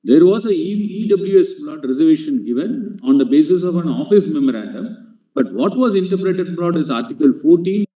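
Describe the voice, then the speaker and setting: Arguing a legal case, a man with a fairly high, animated voice speaks a little fast and formally addresses the bench as "my lord" at almost every phrase. It comes through a tinny, echoey courtroom feed picked up by a distant mic.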